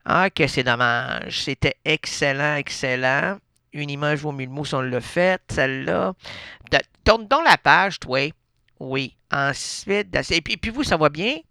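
A man's voice: on the high side, a little slow, vocal fry, pushed and bright, clear, resonant tone, dry recording, studio quality. A man with a Québécois accent hosting a radio show, rambling through an absurd monologue full of wordplay and fillers. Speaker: radio host. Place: radio studio.

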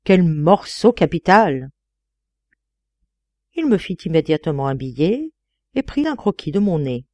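A woman narrating a literary audiobook in a deliberate, expressive reading. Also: low-pitched, dry recording, muffled recording. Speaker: audiobook reader.

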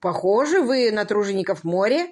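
Woman doing a breezy, jovial old gentleman. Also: medium pitch, very animated, moderate pace.

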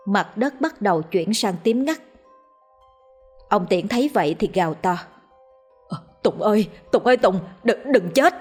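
A woman reading out a ghost story in a steady, dramatic way as the storyteller. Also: medium pitch, slightly rough. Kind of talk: scripted ghost story narration.

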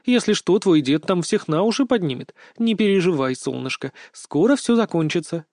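A man voicing a calm, doting grandmother in an audiobook, soothing and gently lecturing. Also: high voice, normal speed, dry recording, studio quality. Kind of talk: audiobook character voice.

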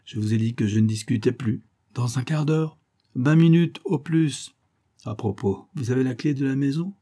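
A man's voice: mid-range voice, normal speed, warm tone, natural voice. A man reading the part of a shrewd, playful detective in an audiobook. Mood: sly. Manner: sly, teasing.

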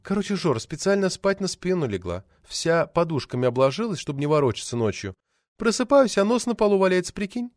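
A man voicing a soft, teasing young actress. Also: high-pitched, very animated, fairly quick, no echo, clean studio sound, pitched above the performer's own voice. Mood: gossipy.

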